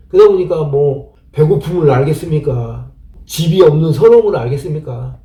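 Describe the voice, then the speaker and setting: Mellow middle-aged man, measured advice. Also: fairly high pitch. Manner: measured, plainspoken, reflective, asks rhetorical questions. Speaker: channel host reading a viewer's letter and giving advice. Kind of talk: reading a viewer's letter, then advice commentary. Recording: roomy, distant mic with soft instrumental music. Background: soft instrumental music.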